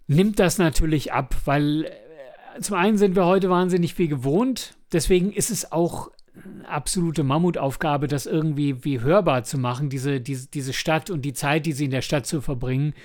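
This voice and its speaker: Rambling casually as he hunts for the right words, a male podcast co-host and audio drama maker talks through discussion and reviews. His fairly high voice has a darkish tone and moves at normal speed.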